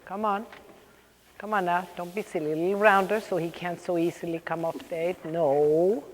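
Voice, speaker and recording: A woman coaching riding live, calling out brisk, projected commands in short repeated phrases, with brief praise between them. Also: fairly low pitch, steady tone. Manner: directive, interspersed with brief praise. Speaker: riding clinician coaching horse and rider. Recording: echoey riding hall with background noise.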